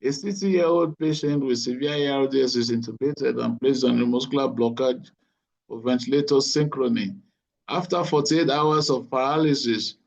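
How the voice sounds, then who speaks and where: A man's voice: mid-range voice, creaky. A man tutoring anaesthesia students over a video call, quizzing them and teasing them along. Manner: encouraging, teasing, gives marks. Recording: dull lo-fi call audio.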